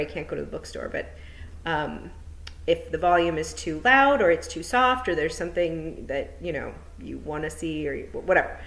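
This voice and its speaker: A woman teacher at home chats with her pupils and then reads a children's novel aloud, keeping the tone friendly and encouraging. Her voice is on the low side and a bit bright, and the recording is rough.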